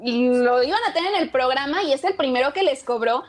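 A woman co-hosting a casual chat, relaxed, with many fillers. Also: sits high, a little fast, soft background music. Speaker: co-host.

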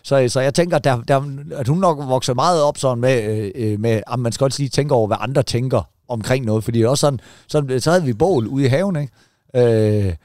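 A man's voice: mid-range voice, a little mellow, no echo. A man in his forties chatting casually as a podcast co-host, rambling and stammering, often repeating words and swearing offhandedly. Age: 40s. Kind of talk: casual chat.

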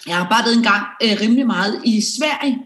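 A woman's voice: a little high, a bit bright, roomy sound. A woman co-hosting a podcast in casual chat, who listens with short replies and reads out the topics. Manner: brief backchannels, reads the episode topics aloud. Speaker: podcast co-host.

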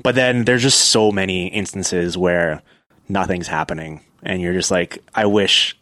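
A man hosting a casual sports podcast chat, talking quickly with lots of filler words. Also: low-pitched, steady tone, a bit bright, no echo, clean studio sound. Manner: fast, chatty, filler-heavy. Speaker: podcast host.

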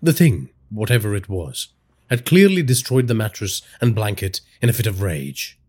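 A man's voice: on the low side, moderate pace. A man narrating a scripted horror story, telling it dramatically. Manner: dramatic storytelling with lively inflection.

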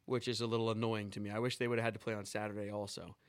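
A man from Seattle hosting a casual sports podcast, excitable, swinging from loud outbursts to mumbled asides. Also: on the low side, rapid-fire. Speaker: podcast host.

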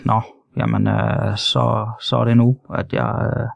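A man improvising a deadpan eldest farmer brother who answers with many hesitant fillers in a comedy interview. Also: mid-range voice, gravelly, no echo.

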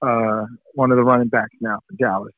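A middle-aged man tells a story in a relaxed, chatty way, slipping into the voices of the people in it. His voice is mid-pitched, and the sound is thin and phone-like and very dry. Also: brisk, no echo. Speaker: former pro football player, guest. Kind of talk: casual storytelling in an interview. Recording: tinny phone-like line, dry.

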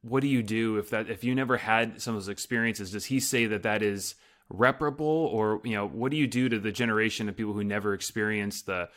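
This is a casual podcast interview led by a host in his thirties whose voice is fairly low, brisk and a bit bright. He tends to ask long, meandering questions padded with fillers.

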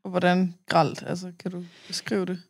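A woman's voice: lowish voice, monotone, dry recording, clean studio sound. A woman hosting a podcast, asking attentive follow-up questions in casual chat. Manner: attentive, with short backchannel replies. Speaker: podcast host.

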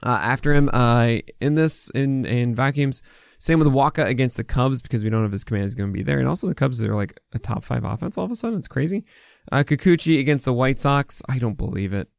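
A man's voice: medium pitch, lively intonation, fast, creaky, dry recording, clean studio sound. An American man hosting a fantasy baseball podcast, talking with a swollen mouth in casual, opinionated, unscripted commentary full of asides.

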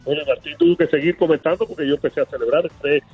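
A man's voice: a little high, racing, slightly rough, soft background music. A man calling in as a team analyst, telling the story animatedly with many fillers and restarts. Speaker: team analyst, guest on phone. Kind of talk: excited phone interview. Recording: tinny phone line.

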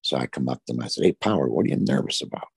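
A man's voice: rumbling low, sing-song, rapid-fire, vocal fry, a little mellow, breathy edge, no echo. A middle-aged man, a former hockey player from the Detroit area, tells long rambling stories in an interview, full of "you know". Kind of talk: storytelling in an interview.

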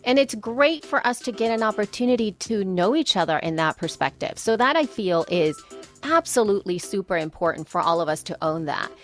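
A woman podcaster from El Salvador talks at a brisk clip in a medium-pitched voice during a relaxed, casual conversation. She's animated, acting out little quoted exchanges and restarting sentences as she thinks, with faint music beneath her.

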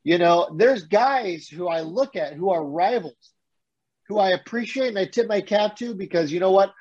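A man's voice: sits high, normal speed, muffled recording. A man co-hosting a casual sports podcast, ranting with energy and the odd curse. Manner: animated, swears, rants. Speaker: podcast co-host.

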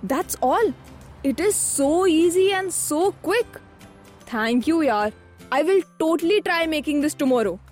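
Curious harried mother , acted by a woman, Indian accent, very high voice, inquisitive Hinglish podcast dialogue, faint music bed. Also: expressive, unhurried, darkish tone. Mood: curious, impressed. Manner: exclamatory, inquisitive, Hindi-English code-switching. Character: curious, harried mother seeking lunchbox ideas from a friend. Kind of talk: scripted conversational dialogue.

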